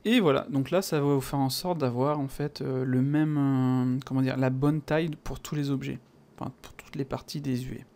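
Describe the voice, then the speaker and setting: A man with a French accent talking through a software tutorial in a casual, chatty way, full of fillers and little sound words. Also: mid-range voice, fairly even intonation, moderate pace. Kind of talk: casual screen-recorded tutorial.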